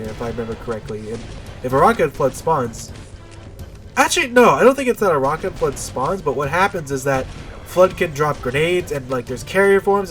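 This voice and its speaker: Through a stuffy nose, a man gives casual, rambling, unscripted commentary while playing a video game. His voice is medium-pitched and a bit bright, with a congested, nasal quality.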